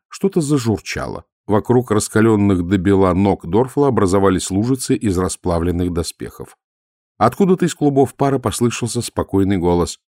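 A man narrating an audiobook with an expressive, lively reading. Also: lowish voice, no echo, studio quality.

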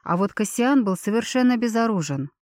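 A woman reading a first-person fantasy novel as a steady audiobook narrator, voicing the dialogue with small lifts. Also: a little high, fairly quick, no room sound, clean studio sound.

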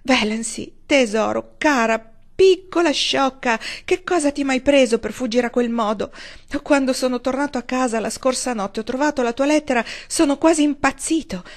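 A woman's voice: mid-range voice, normal speed, close to an everyday voice. Woman narrator voicing a fervent, earnest young husband; urgent, heartfelt. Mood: impassioned.

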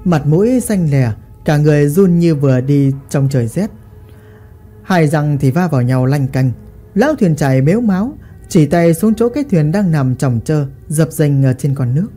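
A woman tells a ghost story with dramatic, expressive delivery. Her voice is mellow and a little husky, and her pitch rises and falls freely. Faint music plays beneath the telling. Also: moderate pace.

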